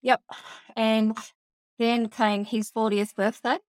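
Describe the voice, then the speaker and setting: A woman's voice: on the high side, flat delivery, slow pace, no room sound. An Australian woman telling a personal story in an interview, candid and emotional, swearing freely. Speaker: guest.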